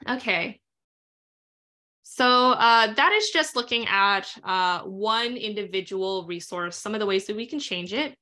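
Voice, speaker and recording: Woman webinar instructor, bright tone, fast and casual with lots of filler words. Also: mid-range voice. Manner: fast, chatty, lots of ums and uhs. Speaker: instructor leading a live webinar. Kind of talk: live software tutorial with screen share.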